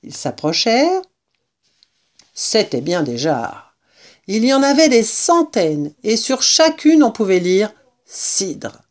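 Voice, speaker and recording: Woman narrator for a children's storybook, lively pitch, unhurried.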